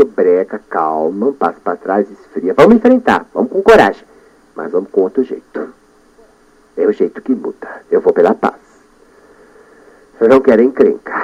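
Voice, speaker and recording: A Brazilian man hosting a radio show, talking in a lively monologue and coaching himself aloud, going from loud bursts to soft murmurs. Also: medium pitch, breathy edge. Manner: animated, talks to himself, shifts between loud and soft. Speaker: radio host. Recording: dull lo-fi radio broadcast.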